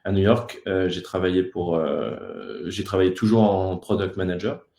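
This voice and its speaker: Deep-voiced man, mellow, relaxed. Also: moderate pace, creaky. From France. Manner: relaxed, many hesitations. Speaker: guest. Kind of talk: casual talk-show chat. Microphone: video call. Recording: echoey room.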